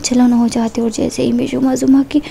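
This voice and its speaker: A woman's voice: sits high, level tone, moderate pace, vocal fry, warm tone, slight background noise. A woman telling a story in a chatty, rambling way, full of fillers. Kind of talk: casual story narration.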